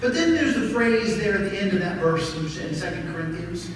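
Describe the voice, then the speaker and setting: A man's voice: sits high, expressive, fairly quick. A middle-aged man preaching a sermon as pastor, telling a personal story and asking the congregation questions. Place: church sanctuary. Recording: echoey church hall from far off, faint noise.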